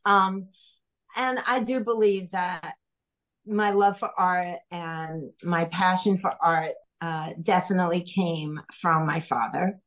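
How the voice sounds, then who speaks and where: A woman's voice: on the low side, steady tone, takes it slowly. A middle-aged woman from Greece, a podcast guest talking casually and chattily, with frequent fillers and laughs. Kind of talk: casual interview chat.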